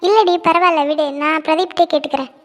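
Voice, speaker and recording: Woman playing a cheeky cartoon bestie, high bright voice, fast and teasing. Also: fairly even intonation. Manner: playful, teasing, nosy. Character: cheerful, teasing young woman best friend. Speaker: cartoon character. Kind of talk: cartoon voice acting.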